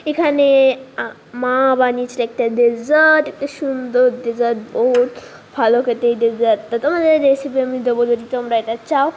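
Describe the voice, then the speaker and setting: High-pitched woman vlogger, chatty and casual, some hushed lines, faint noise in the track. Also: fairly even intonation, normal speed, lo-fi sound. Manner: quiet, hushed talk to keep a surprise. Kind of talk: casual vlog narration. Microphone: voice-over recorded later.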